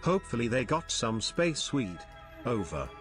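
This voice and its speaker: A man's voice: mid-range voice, very animated, moderate pace, over music. A man doing a rocket pilot on walkie talkie. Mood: goofy bravado. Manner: loud trucker radio lingo, ends with over. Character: jokey male rocket pilot radioing Earth, CB trucker style.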